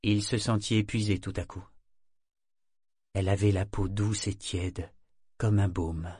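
A man with a fairly low voice reads a novel aloud at a steady, measured pace. The sound is close and dry, with no room around it. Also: slightly rough, dry recording. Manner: calm, measured reading. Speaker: narrator. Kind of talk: audiobook narration.

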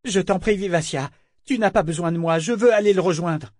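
A man's voice: fairly high pitch, normal speed, a little mellow, no echo, pitched above the performer's own voice, close to an everyday voice. An urgent young woman sailor pleads and presses her plan in a raised voice, as a male narrator puts her on. The delivery stays insistent and determined. The sound is dry and close.

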